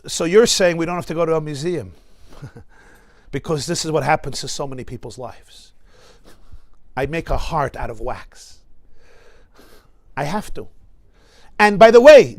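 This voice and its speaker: A middle-aged American rabbi gives an animated class, his voice sitting high for a man. He laughs often and throws questions to his listeners. The sound is dry and close, with no room echo. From United States. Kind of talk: lively spoken class. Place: synagogue study hall.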